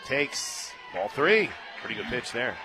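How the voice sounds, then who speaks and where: This is live radio play-by-play of a softball game, voiced by a man in a stadium booth. He speaks at mid-range pitch, keeps things brisk, and breaks into excited shouts whenever a big play happens.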